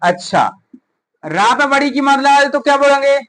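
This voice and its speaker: With a high, animated voice at normal speed, a woman teacher drills kids on vowel signs during a Hindi phonics class in a coaching classroom. She poses questions and answers them herself, with background noise present.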